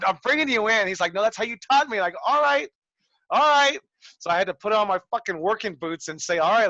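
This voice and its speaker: A middle-aged man, a pro wrestling trainer, telling ring stories in an animated, swearing way as a lesson. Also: fairly high pitch, no echo. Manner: animated, swearing, acts out quotes. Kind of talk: casual storytelling lesson. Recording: dull lo-fi sound.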